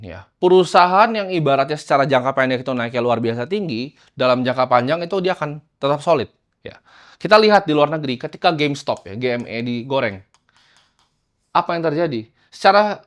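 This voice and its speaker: Man, fairly high voice, casual investing teacher, chops lines into short bursts. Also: animated, fairly quick. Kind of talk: casual lecture over slides.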